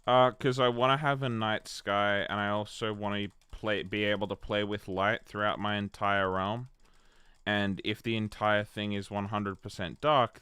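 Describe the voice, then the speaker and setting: A man's voice: lowish voice, a bit bright, smooth, no room sound. A man chatting casually on a gaming livestream, rambling and answering his chat by name. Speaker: streamer.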